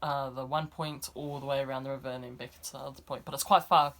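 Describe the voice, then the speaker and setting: A woman's voice: rumbling low, little pitch movement, fast talker, fairly bright tone. Young New woman. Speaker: vlogger. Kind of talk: casual vlog talk to camera. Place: indoors, speaking to camera.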